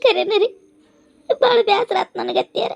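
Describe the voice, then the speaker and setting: A woman's voice: very high-pitched, fairly even intonation, normal speed, creaky, muffled recording, voice pushed up, heavily acted. A woman voicing a tearful young wife in a cartoon, speaking plaintively with a North Karnataka accent. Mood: tearful, hurt. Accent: North Karnataka Kannada. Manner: plaintive, pleading. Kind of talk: cartoon voice acting.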